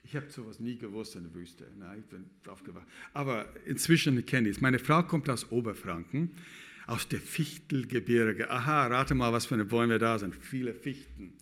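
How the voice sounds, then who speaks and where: A middle-aged pastor preaching a sermon, talking with loose, broken grammar and turning to the congregation with questions. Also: male voice, medium pitch, moderate pace. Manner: lively, addresses the congregation with questions.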